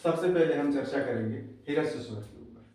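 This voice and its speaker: A male teacher gives an exam-prep lesson from a distance, his voice mellow and soft-edged. The room rings with a strong echo. He repeats each phrase so his students can note it down. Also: medium pitch, brisk. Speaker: Hindi teacher. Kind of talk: classroom lecture for exam prep.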